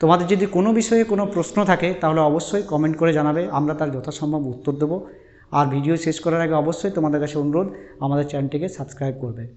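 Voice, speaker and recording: A man's voice: a little high, fairly even intonation, racing, darkish tone. A male teacher giving a lesson, explaining step by step and asking and answering his own questions. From West Bengal. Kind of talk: classroom lesson on phonetics. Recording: dull lo-fi audio with long reverb.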